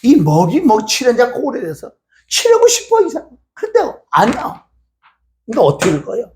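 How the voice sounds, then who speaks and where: A middle-aged man preaching a sermon as a pastor, telling a story in an animated way and acting out scolding voices. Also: very high-pitched, fairly quick, a little hiss or hum.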